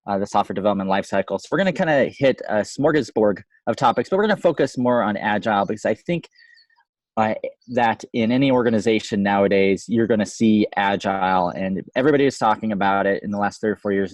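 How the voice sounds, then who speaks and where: A man's voice: lowish voice, dry recording. Man on an overloaded, fuzzy distorted mic. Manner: chatty, loose, many fillers and restarts. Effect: distorted overloaded mic, fuzzy clipping. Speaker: podcast co-host. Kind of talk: casual chat.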